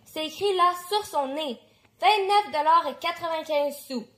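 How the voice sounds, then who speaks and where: A woman's voice: high voice, unhurried, bright, forceful tone. A woman doing a fussy, stubborn shop cashier. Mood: insistent. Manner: hesitant, insistent.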